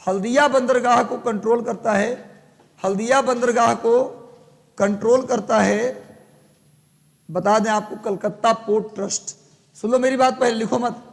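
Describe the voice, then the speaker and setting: A man's voice: very high voice, fairly even intonation, moderate pace, creaky, long pauses, in a large hall. A man teaching a live class, dictating and joking with students, his voice strained by a sore throat, with a Bihari Hindi accent.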